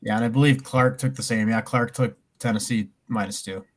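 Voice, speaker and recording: A man's voice: fairly low pitch, fairly even intonation, a little fast. A man co-hosting a casual sports betting chat, rambling with frequent ums and restarts. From American Midwest. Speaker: podcast co-host.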